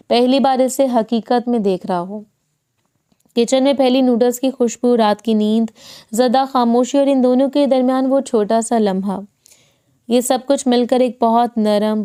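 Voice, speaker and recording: A woman narrating a romance audiobook in a calm, measured storytelling manner. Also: fairly high pitch, smooth.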